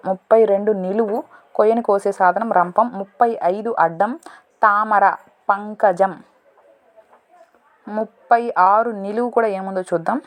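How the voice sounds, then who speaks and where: Woman working a crossword out loud, unhurried, fixes her own slips, mid pitch. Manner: thinking aloud, slow and deliberate, correcting herself. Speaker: teacher solving a crossword. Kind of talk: casual explanatory lesson.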